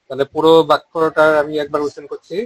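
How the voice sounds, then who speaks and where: Bengali-accented male teacher, fairly high voice, chants syllables slowly and steadily, dry close sound. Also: flat delivery, dry recording, rough recording. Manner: explains quickly, then chants syllables slowly and drawn out. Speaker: Vedic recitation teacher. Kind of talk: online pronunciation lesson.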